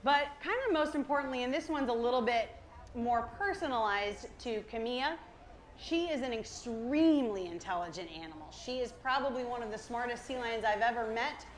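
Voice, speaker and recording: In a rough recording, a cheery zookeeper speaks to a live audience through a worn or held presenter microphone, giving an educational talk as the animals' keeper and presenter. Her voice sits on the high side, with lively intonation and a slightly fast pace, and clear ambient noise is audible behind it.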